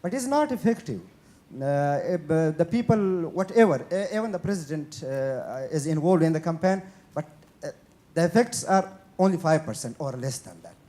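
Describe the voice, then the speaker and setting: A man from Afghanistan who speaks up from the audience of a panel discussion with a halting comment and question, full of fillers and restarts. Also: a little high, expressive, warm tone. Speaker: audience member asking a question.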